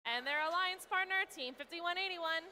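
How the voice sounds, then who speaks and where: A woman's voice: extremely high pitch, normal speed, pushed and bright, big-room sound. A woman working as an event emcee, introducing competing teams in an upbeat arena announcing style. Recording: noisy event ambience.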